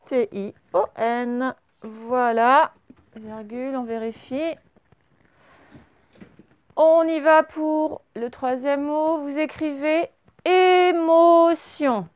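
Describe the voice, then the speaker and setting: A woman's voice: high-pitched, fairly even intonation, takes it slowly, clean tone, highs cut off. A woman teaching a children's dictation, stretching each word and spelling it out syllable by syllable. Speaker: primary school teacher.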